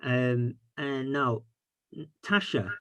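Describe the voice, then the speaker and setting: A man's voice: medium pitch, steady tone, extremely slow, a bit bright, clean tone. A middle-aged man chairing an online meeting informally over a video call.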